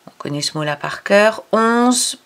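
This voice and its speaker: A woman's voice: on the low side, a little slow. A woman giving a reading lesson to a child, sounding out syllables and explaining patiently. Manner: addresses the child directly. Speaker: reading teacher.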